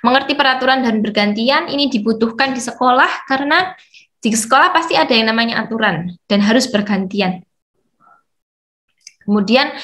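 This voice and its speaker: A woman's voice: mid-range voice, a bit bright. A woman leading a parent seminar as an educator, explaining patiently with frequent fillers and reading out questions. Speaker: educator for parents of children with hearing technology.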